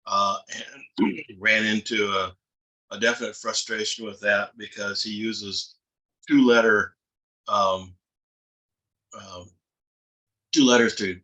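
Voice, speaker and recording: Male seminar participant, monotone but bright, halting delivery. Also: fairly low pitch, rough recording. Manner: halting, hesitant, frequent uhs. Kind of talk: casual discussion. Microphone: video call.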